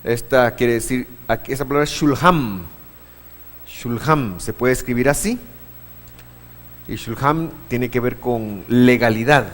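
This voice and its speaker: Man, church class teacher, patient, questions to the class, halting restarts, unhurried, reverberant hall. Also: mid-range voice. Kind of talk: classroom lesson on Hebrew vowels. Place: church meeting room.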